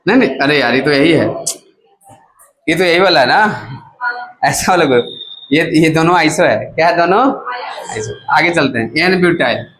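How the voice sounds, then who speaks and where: A man's voice: a little high, expressive, normal speed, long pauses, fairly bright tone, low-quality recording. A male chemistry teacher giving a casual classroom lecture who keeps asking his students to repeat each term back to him. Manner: casual, coaxing teacher talk.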